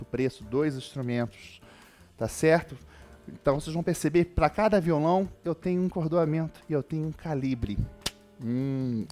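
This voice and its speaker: A man's voice: mid-range voice, darkish tone. A man with a Brazilian Portuguese accent giving a casual guitar lesson, checking in with his viewers after nearly every point. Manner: chatty, explains with frequent "tá?" and "né?" checks. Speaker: guitar teacher.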